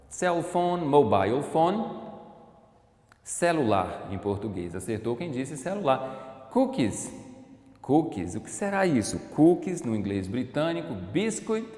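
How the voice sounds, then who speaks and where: A man from Brazil teaching an English class, explaining and slowly repeating words for his students. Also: medium pitch, a little mellow. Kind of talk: recorded online class lesson. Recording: echoey room with long reverb.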